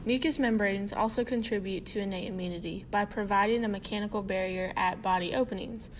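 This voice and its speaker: A woman, a student presenter, reading out a science explanation in a steady, informative way. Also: mid-range voice, brisk, a little hiss or hum, low-quality recording. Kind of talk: read educational explanation.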